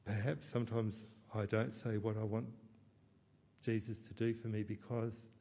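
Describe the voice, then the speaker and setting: A man's voice: lowish voice, flat delivery, normal speed, vocal fry. A man giving a reflective sermon as a pastor, often questioning himself aloud. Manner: reflective, self-questioning, with soft laughs and restarts.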